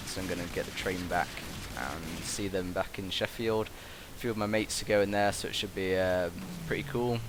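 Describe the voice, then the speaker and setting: A man's voice: deep voice, a bit bright. A young British man giving a casual, hesitant, meandering commentary into a gaming headset, like a student chatting to his viewers. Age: young adult. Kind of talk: casual rambling vlog commentary. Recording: constant buzzing, hissy background noise. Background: constant buzz and hiss.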